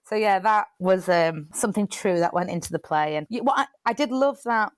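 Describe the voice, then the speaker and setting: In a relaxed interview, a young playwright and theatre director from Britain rambles along, full of fillers and false starts. She speaks at a medium pitch and a little fast, and the recording is dry.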